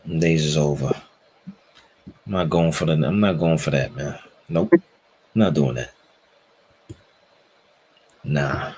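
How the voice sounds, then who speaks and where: A man's voice: extremely low pitch, takes it slowly, pauses often, a little mellow, husky, rough recording. An American man hosting a casual sports chat, opinionated and repeating phrases for emphasis. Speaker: talk show host.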